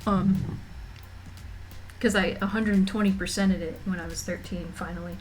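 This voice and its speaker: Mildly nauseous, a young woman chats casually on a livestream from a room at home, rambling with frequent fillers and restarts. Her fairly low, slightly mellow voice has fairly even intonation and moves at normal speed. Soft background music plays.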